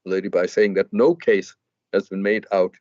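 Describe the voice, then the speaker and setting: Guy arguing in court, formal, lowish voice, dull dry lo-fi sound. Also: steady tone, a little mellow, no room sound. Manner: measured, formal, with hesitant fillers and restarts. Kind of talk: legal argument. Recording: dull lo-fi dry hearing audio.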